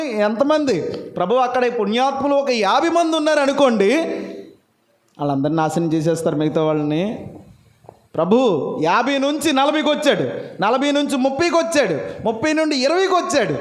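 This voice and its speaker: High-voiced animated priest preaching. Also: male voice, brisk. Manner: animated preaching with rhetorical questions to the congregation. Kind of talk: Sunday homily. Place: church. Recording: echoey church.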